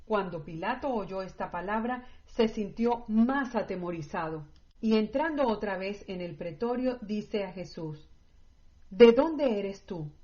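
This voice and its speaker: A woman reading scripture aloud at a measured, steady pace. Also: mid-range voice. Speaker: scripture reader. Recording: dull lo-fi audio.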